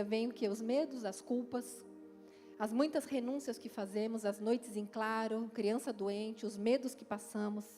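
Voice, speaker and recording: A middle-aged woman pastor from Brazil, preaching at a church conference in a lively, playful way and speaking straight to the congregation. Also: a little high. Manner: lively and playful, acts out quotes, talks straight to the crowd. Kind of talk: conference sermon. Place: church hall, live event. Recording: long hall reverb with faint music.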